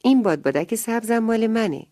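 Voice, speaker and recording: A woman's voice: fairly high pitch, lively intonation, warm tone, no echo, clean studio sound, pitched above the performer's own voice, close to an everyday voice. Woman doing a curious little boy, chatty, raised voice, storybook. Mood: friendly.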